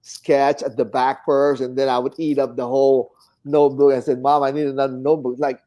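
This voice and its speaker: Warm and level, his mid-range voice moves fairly quickly over a low-quality recording. He's a middle-aged painter from the Philippines with a Filipino accent, casually reminiscing as an interview guest and telling stories in a loose, rambling manner.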